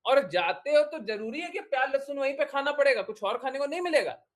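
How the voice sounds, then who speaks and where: A man's voice: very high-pitched, lively intonation, brisk, a bit bright. A man giving a devotional discourse, exhorting his listeners with repeated short commands and questions. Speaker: spiritual teacher.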